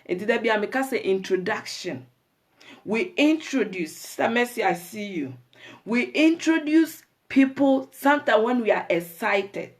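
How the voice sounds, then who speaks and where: A woman's voice: fairly high pitch, animated, a little slow. A woman with a Ghanaian accent hosting a live talk show, chatting with viewers, greeting them by name and giving advice to women.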